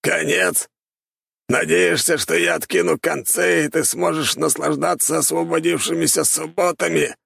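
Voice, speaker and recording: A man voicing a grumpy, sickly old male mentor who scolds his pupil in a hoarse, wheezing voice. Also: fairly high pitch, steady tone, moderate pace, fairly bright tone, dry recording, studio quality, pitched above the performer's own voice, exaggerated voice. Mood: mocking. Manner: gruff and scolding. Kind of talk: audiobook character voice.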